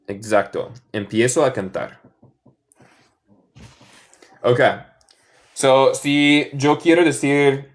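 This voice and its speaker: Patient American man with an English-speaker's accent in Spanish, a young online tutor who talks slowly and cheers on his students. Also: medium pitch. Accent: American, speaking Spanish as a learner. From northern United States. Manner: patient, encouraging, switches between Spanish and English, models words slowly. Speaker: English teacher. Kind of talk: live-streamed language class.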